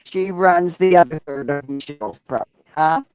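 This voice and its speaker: A woman's voice: low-pitched, normal speed, a little mellow, no room sound, faint music behind. Woman on a glitchy, dropping phone line. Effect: phone line breaking up, voice cutting in and out. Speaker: caller on speakerphone. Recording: dull lo-fi speakerphone line.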